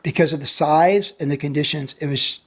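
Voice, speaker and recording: Speaking as a guest on a podcast, this former pro surfer and pastor from the United States, now in his sixties, spins an animated story and repeats lines to drive them home. He sounds husky and a bit bright, with a voice on the high side and a fairly quick pace.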